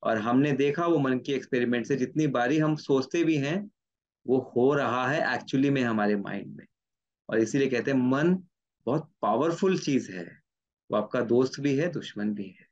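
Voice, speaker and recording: A man's voice: mid-range voice, moderate pace, darkish tone, highs cut off. Man explaining with self-answered questions. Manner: asks himself questions and answers them, repeats key points. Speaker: neurologist giving a talk. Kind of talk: explanatory lecture.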